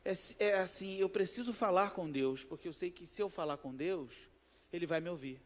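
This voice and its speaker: A man's voice: high voice, moderate pace. A man with a Rio de Janeiro accent, preaching a casual, conversational sermon in church, telling personal stories and playfully acting out the voices in them. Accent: Rio de Janeiro Portuguese. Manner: animated storytelling, acts out quoted voices, jokes with the congregation. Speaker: pastor. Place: church sanctuary.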